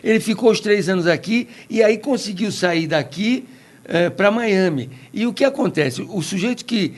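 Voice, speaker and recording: A man's voice: sits high, expressive, moderate pace. A Brazilian man on a podcast panel, giving opinionated commentary and telling anecdotes at length. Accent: Brazilian Portuguese. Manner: opinionated, tells anecdotes, digressive.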